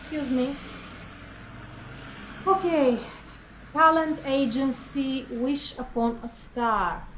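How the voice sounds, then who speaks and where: A woman's voice: high-pitched, a little hiss or hum, poor audio. A woman playing a naive young woman who dreams of film stardom, in an improvised film-noir comedy scene; she talks hesitantly, stammers and giggles. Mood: dreamy, unsure.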